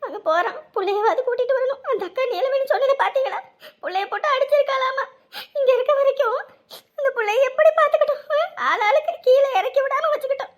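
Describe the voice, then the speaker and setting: A woman voicing a quarrelsome, loud-mouthed village woman in a family drama, scolding shrilly. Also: extremely high pitch, fast. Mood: gossiping. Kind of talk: Tamil family drama acting.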